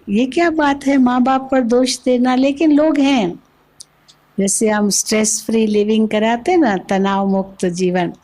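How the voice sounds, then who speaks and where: A woman's voice: fairly high pitch, a little mellow. A woman giving a spiritual discourse at a microphone, explaining patiently with everyday examples. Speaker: spiritual teacher.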